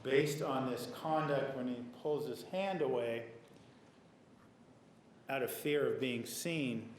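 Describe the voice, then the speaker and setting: Male trial lawyer, mid-pitched, measured questioning, echoey courtroom recording with faint hiss. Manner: measured, deliberate questioning with pauses. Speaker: trial attorney.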